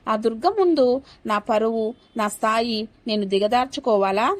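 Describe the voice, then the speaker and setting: A woman's voice: fairly high pitch, normal speed, dry recording, close to an everyday voice. A woman voicing an arrogant, domineering middle-aged mother who is proud of her wealth and status, in a storybook drama. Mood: scornful. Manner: scornful, domineering.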